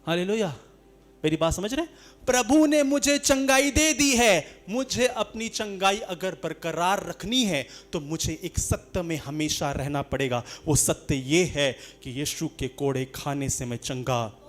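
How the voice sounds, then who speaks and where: A man with a Hindi accent preaching a sermon as pastor, lively, shifting between shouts, laughter and quiet storytelling. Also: high-pitched, unhurried.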